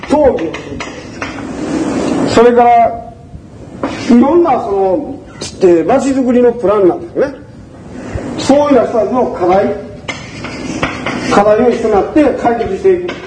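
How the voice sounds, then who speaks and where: A man's voice: sits high, unhurried, pauses often, background noise. An older man with a Kansai accent telling stories in a lecture, acting out the voices of the people he quotes. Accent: Kansai (Osaka). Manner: animated, acts out voices in quoted dialogue. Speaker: speaker recounting community organizing. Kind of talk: conversational storytelling lecture.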